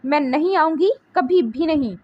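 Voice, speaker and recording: A woman's voice: high-pitched, animated, normal speed, no echo, highs cut off. Woman reading as a defiant young woman. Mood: indignant. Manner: sharp, indignant.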